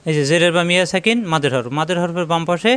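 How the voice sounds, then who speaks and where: A man teaches beginners to read Arabic letters, spelling each one out and repeating the pattern patiently. His voice sits a little high and comes across smooth and resonant. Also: rapid-fire, fairly bright tone. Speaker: Quran reading teacher. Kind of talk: spoken lesson on Arabic letters.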